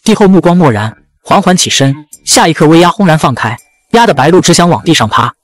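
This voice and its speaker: A man narrating a dramatic fantasy audiobook in a brisk storytelling manner. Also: fairly high pitch, expressive.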